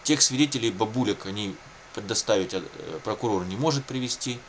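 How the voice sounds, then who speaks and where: A man whose voice is on the low side speaks fairly quickly against slight background noise. He's a video blogger, Russian by first language, telling viewers his own story in an informal, wandering way, returning to the same points and using many everyday catchphrases.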